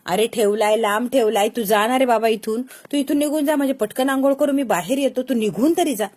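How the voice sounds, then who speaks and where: A woman voicing an affectionate, teasing young husband, dropping her voice a little lower for him. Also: fairly quick, a little mellow, lightly acted. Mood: brushing off. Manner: playful, romantic teasing.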